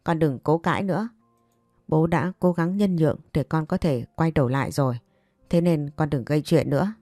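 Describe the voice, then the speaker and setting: A woman's voice: sits low, moderate pace, mellow, no echo, studio quality, soft background music. A woman voicing a stern older father who firmly scolds his adopted daughter, in a narrated story. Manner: firm, admonishing.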